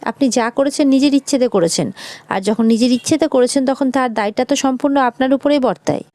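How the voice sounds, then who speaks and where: A woman doing a sharp-tongued, defiant young maid. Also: high-pitched, no room sound, natural voice. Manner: indignant, rapid-fire retorts.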